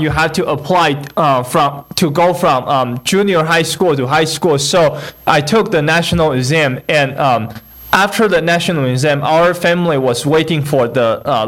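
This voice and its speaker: A young man from Taiwan with a Taiwanese accent gives his testimony at an evening service. His voice sits a little high for a man. He speaks haltingly, with many fillers and restarts, and now and then a wry, humorous aside. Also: fairly bright tone. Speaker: guest speaker. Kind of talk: personal testimony at a church service.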